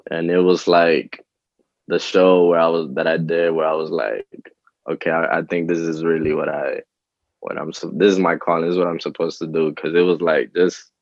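A young man from the Dominican Republic, a rapper talking casually in an interview, relaxed and rambling with fillers. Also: low voice, normal speed, dry recording, muffled recording. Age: young adult. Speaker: rapper guest.

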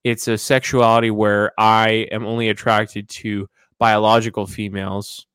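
A man's voice: fairly low pitch, flat delivery, normal speed, a bit bright, clear, resonant tone, dry recording. Casual frat-bro man, close dry sound. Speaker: podcast co-host. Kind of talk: casual banter.

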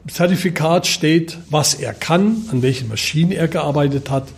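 The head of a refugee training workshop, a man with a fairly high voice, explains things in an interview at normal speed over slight background noise. He is orderly and matter-of-fact, listing points in a tidy sequence.

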